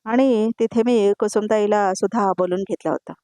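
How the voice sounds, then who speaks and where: A tense husband, read out by a woman narrator, hesitant and placating as he explains himself. His lines slow down at times. The sound is dry and close. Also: medium pitch, dark tone, dry recording, close to an everyday voice. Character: tense husband hiding a secret.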